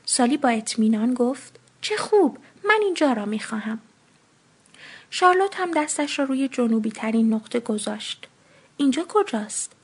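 With a slightly rough voice, a woman narrates a short story expressively, lifting her pitch for the children's dialogue.

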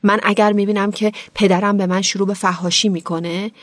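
A woman explaining anger management in a calm, measured way with everyday examples. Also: mid-range voice, no echo. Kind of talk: explanatory podcast talk.

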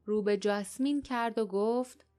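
A woman narrating an adventure audiobook in a steady, expressive storytelling manner. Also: on the high side. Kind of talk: scripted narration.

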